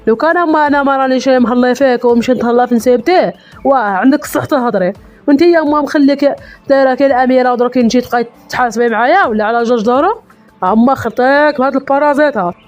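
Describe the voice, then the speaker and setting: A man's voice: very high-pitched, rapid-fire, soft background music. A man playing a defiant grown son who firmly lectures his nagging mother in a comedy sketch. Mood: firm lecturing. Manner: firm, lecturing, defensive.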